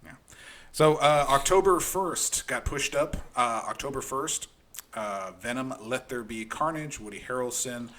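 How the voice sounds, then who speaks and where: A man's voice: medium pitch, a little slow, sharp tone. A man co-hosting a podcast, giving frank, opinionated takes in casual chat with lots of restarts. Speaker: podcast co-host.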